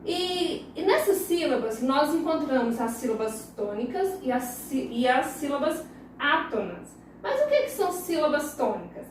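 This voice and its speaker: This recorded children's lesson features a primary teacher with a Brazilian Portuguese accent who patiently draws each word out syllable by syllable. She speaks at normal speed in a high voice with big pitch swings. The audio has a little hiss or hum, a very echoey room, and her voice far from the mic.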